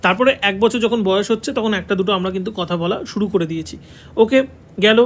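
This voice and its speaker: High-voiced Bengali man teaching a lesson. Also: fast talker. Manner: repeats key answers, checks in with "ঠিক আছে". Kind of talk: online exam-prep lesson. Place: classroom with a board.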